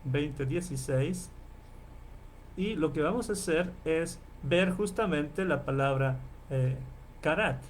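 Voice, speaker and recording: A man lecturing as a professor in an online class, explaining and repeating terms slowly and checking in with his listeners often. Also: a little high, slight background noise. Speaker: Bible professor.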